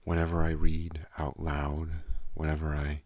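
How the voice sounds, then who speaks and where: A young man runs an ASMR channel, talking softly and calmly right up against a studio microphone and sometimes dropping into whispers. His voice is deep, gravelly and soft, and his pace is slow. The recording is dry.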